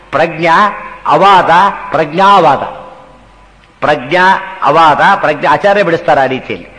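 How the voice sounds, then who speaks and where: A man giving a devotional sermon on scripture, chanting verses slowly and asking his listeners questions. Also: fairly high pitch. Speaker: religious discourse speaker. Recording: long reverb of a large hall.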